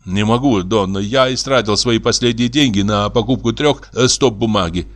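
A man's voice: lowish voice, moderate pace, lightly acted. A man doing a pompous, courtly novelist. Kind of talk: audiobook reading.

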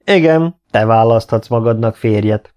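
A man voicing a loud proclaiming medieval king. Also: mid-range voice, expressive, creaky, voice pushed up. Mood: magnanimous. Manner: proclaiming loudly to a court. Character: commanding medieval king, stern but pleased.

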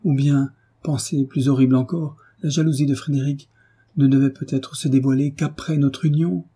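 A man's voice: medium pitch, steady tone, moderate pace, warm tone, breathy edge. A dying mother, pleading and tender, read by a man. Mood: tender, sorrowful. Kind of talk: audiobook reading.

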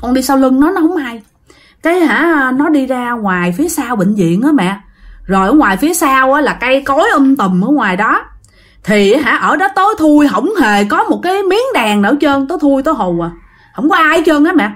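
A woman's voice: high voice, big pitch swings, normal speed. A woman with a Southern Vietnamese accent voicing a terrified young adult son who reports in a breathless rush.

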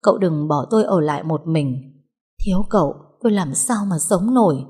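Storybook role: woman voicing a frail young woman, pleading, breathy and warm. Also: on the low side, expressive, moderate pace. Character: sick young woman desperate for her beloved.

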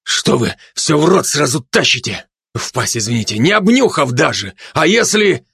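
A man's voice: on the high side, very animated, normal speed, vocal fry, fairly bright tone, breathy edge, dry recording, clean studio sound, exaggerated voice. A man doing a stern commando dog. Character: gruff male commando dog.

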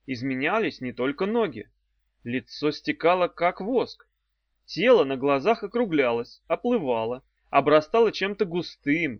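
A man narrating an audiobook in a lively, animated storytelling manner. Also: a little high, no room sound. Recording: dull, dry lo-fi audiobook recording.

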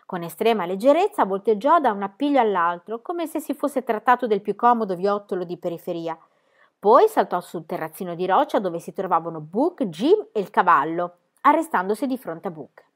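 A woman reading a children's book aloud with lively, expressive narration. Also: mid-range voice, normal speed.

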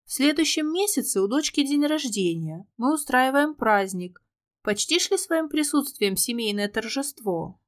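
A woman voicing a smooth, flattering old demon lord. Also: high voice, normal speed, pitched above the performer's own voice. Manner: courteous, flattering. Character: older male demon nobleman, smooth flatterer.

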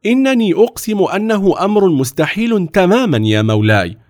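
A man's voice: sits high, sing-song, brisk, no room sound, clean studio sound, pitched above the performer's own voice. A man voicing an angry, jealous court vizier in a storybook reading, protesting in raised, heated outbursts. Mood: indignant. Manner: heated, protesting, rising to shouts.

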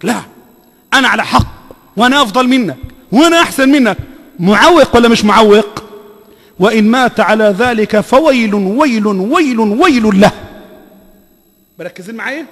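An Egyptian man gives a sermon in a very high voice, stressing points by repeating them and quizzing the crowd for answers. His voice rings with a long reverb from the hall. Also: moderate pace, pauses often. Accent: Egyptian Arabic. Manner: emphatic, repeats phrases, quizzes the audience. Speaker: preacher.

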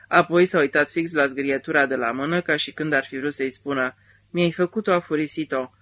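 A worn-out army driver mourns a comrade in bitter, weary words, as a male reader puts him on. His voice is bright and a little high. The audiobook recording sounds dull and lo-fi. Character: grieving middle-aged male army driver.

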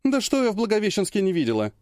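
A man reading an audiobook, voicing a brash, excitable young woman who is eager and loud. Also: high voice, rapid-fire, no room sound, studio quality, voice pushed up.

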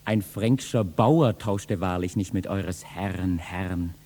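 An actor playing a bold, teasing young kitchen boy in a 1960s radio play, speaking classic verse with lively mockery. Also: sits low, slow pace, heavily acted. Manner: lively, mocking, bursts into loud shouting.

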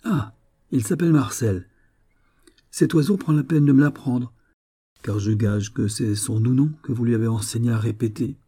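A man's voice: medium pitch, moderate pace, dark tone, breathy edge, lightly acted. A man voicing a smug, predatory young army officer in a read-aloud story, mocking and sneering.

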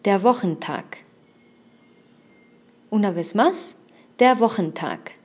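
Slow, patient woman teaching German words. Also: mid-range voice, expressive, a little mellow. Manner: patient, clearly enunciating drill prompts. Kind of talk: slow language lesson with repetition drills.

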